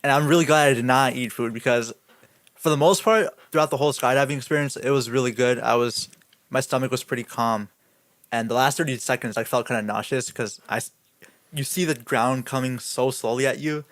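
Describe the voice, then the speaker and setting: A man's voice: mid-range voice, fairly quick, a bit bright, no echo. A young man co-hosting a podcast, telling a story in a casual way, laughing often and saying "like" a lot. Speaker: podcast co-host. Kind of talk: casual chat.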